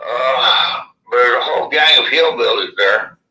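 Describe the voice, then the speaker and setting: A man's voice: medium pitch, measured pace, bright, forceful tone, echoey room, lo-fi sound. A man with a lisp and slushy s sounds from missing upper teeth, telling a first-hand story in a casual, folksy, rambling way. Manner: folksy, plain-spoken, rambling. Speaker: interviewee.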